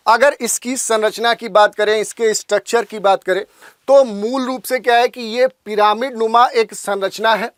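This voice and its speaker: A lecturer giving a steady explanatory lesson for exam preparation, often restating points with filler phrases. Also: medium pitch, no room sound, studio quality.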